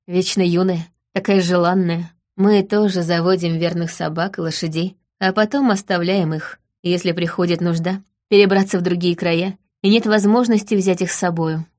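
A woman voicing a gentle young mortal man in an audiobook, speaking quietly and wistfully. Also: fairly low pitch, fairly even intonation, normal speed, hardly any pauses, close to an everyday voice. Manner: quiet, hushed. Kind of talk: audiobook reading.

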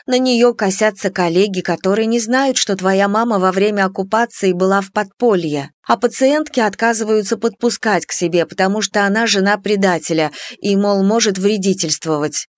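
A woman's voice: mid-range voice, moderate pace, hardly any pauses, dry recording, lightly acted. Woman voicing a soothing peacemaking woman. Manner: soothing, coaxing. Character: gentle peacemaking foster mother Tanya.

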